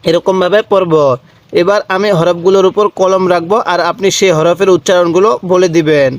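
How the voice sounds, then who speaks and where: A man's voice: sits high, fairly even intonation, dry recording. A man teaching Quran reading, spelling words out syllable by syllable and prompting the viewer to repeat after him. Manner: slow, drawn-out syllable-by-syllable spelling. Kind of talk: step-by-step recitation lesson.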